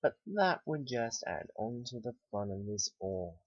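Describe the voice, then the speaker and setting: A man narrating a first-person horror story in a calm, unhurried way. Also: mid-range voice, no room sound. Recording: dry, slightly dull lo-fi home recording.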